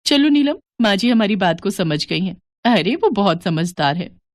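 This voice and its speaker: A woman's voice: medium pitch, very animated, moderate pace, no room sound, close to an everyday voice. A woman voicing haughty, rich young daughters-in-law who talk down to their widowed mother-in-law in a scornful tone. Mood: smug. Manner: scornful, condescending. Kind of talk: animated moral story voice acting.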